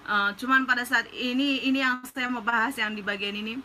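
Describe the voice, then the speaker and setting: Very bright-voiced woman pastor. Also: on the high side, steady tone, fairly quick, slight background noise, low-quality recording. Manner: chatty storytelling with fillers; earnest, urgent exhortation. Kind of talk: sermon testimony.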